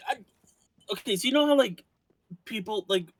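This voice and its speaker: Guy gaming w a buddy, kinda high voice, rambly and excited, lots of "like" and "uh". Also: moderate pace, poor audio. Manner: rambling, animated, full of fillers. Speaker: gaming co-host. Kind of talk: casual chat while playing a game.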